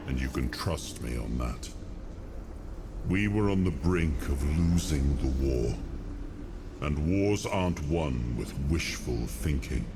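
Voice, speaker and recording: A man's voice: rumbling low, noisy background, exaggerated voice. An actor playing a weary, burdened noble king in a video game cutscene, speaking with grave, solemn deliberation. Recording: loud music behind the voice. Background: music.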